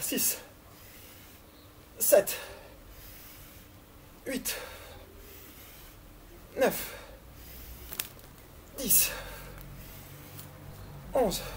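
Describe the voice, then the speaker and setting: A woman leads a workout at an unhurried pace, counting reps and thinking aloud in a chatty, encouraging way. She sounds physically at work as she speaks. Some background noise sits behind her voice. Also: mid-range voice, darkish tone. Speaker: fitness instructor leading a workout.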